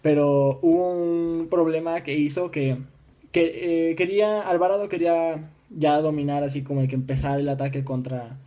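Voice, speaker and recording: A young man from Mexico giving an informal history talk, halting with many restarts and fillers. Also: on the high side, mellow. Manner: acts out voices in dialogue.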